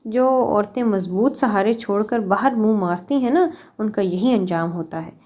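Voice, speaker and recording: A woman's voice: medium pitch, darkish tone, natural voice. A woman voicing a cruel, vengeful young man who makes sneering threats. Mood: taunting, menacing. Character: cruel young male villain, vengeful and taunting.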